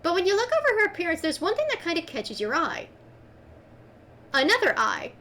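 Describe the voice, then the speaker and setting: A woman running a tabletop game as game master, narrating scenes in an animated, descriptive way. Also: extremely high pitch, a little fast, slight background noise.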